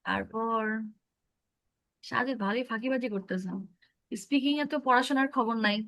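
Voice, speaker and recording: Direct, fairly high-voiced woman teacher. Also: normal speed, vocal fry, fairly bright tone, low-quality recording. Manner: direct, corrective, explanatory. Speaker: English speaking teacher. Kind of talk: giving feedback in an online class.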